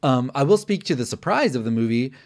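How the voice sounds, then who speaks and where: A man's voice: medium pitch, very animated, fast talker. A man co-hosting a casual film review, talking candidly with lots of fillers and restarts.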